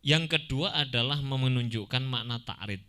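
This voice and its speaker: A man teaching an Arabic grammar lesson, explaining slowly, chanting Quranic examples and slipping into asides. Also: mid-range voice, bright, forceful tone, clear, resonant tone. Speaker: religious teacher.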